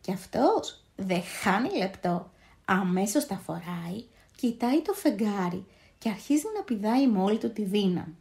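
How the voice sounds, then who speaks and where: A woman storyteller giving an expressive, scripted fairy-tale narration. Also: mid-range voice, creaky.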